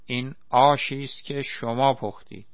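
A man voicing a clumsy, dramatic young volunteer who drags out his words slowly. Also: medium pitch, steady tone, no echo, muffled recording, pitched above the performer's own voice, close to an everyday voice. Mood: wry. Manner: slow, drawn-out exclamations.

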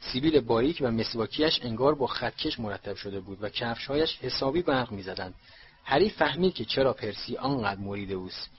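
A man narrating an audiobook in a steady storytelling manner. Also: medium pitch, breathy edge, lo-fi sound. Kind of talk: scripted narration.

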